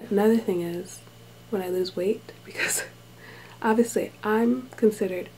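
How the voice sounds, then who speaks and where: A woman talking softly and half-whispering in a casual vlog, recorded in a small room with thin walls. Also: medium pitch, steady tone, unhurried, slight background noise, low-quality recording. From United States. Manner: talks softly and hushed, drifting into whispers. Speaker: vlogger, English teacher abroad.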